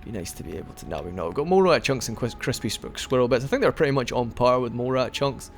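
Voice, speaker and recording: A young man's mid-range voice, lively in intonation and fast, carries his let's play commentary over a little hiss or hum. He rambles and chats casually about the game, with frequent restarts and occasional hiccups.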